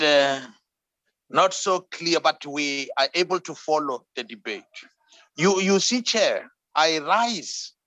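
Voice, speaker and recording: Slow, forceful man addressing committee. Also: a little high, no echo, rough recording. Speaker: committee member. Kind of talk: formal committee speech.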